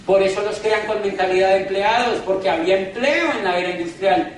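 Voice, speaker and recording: Heard from a distance in an echoey hall with faint background noise, a motivational business speaker preaches emphatically at a live seminar. He keeps calling his audience "gentlemen," turning to them directly and slowing down and swinging his pitch for dramatic effect.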